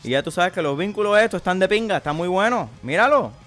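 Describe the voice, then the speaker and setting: A joking, slangy Miami guy with a thick Cuban Spanish accent, as a streamer puts him on, crude and casual as he walks through his cards. The voice sits fairly high for a man. Faint guitar music plays behind. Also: expressive, quick pace, a bit bright. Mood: playful. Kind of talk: casual game commentary.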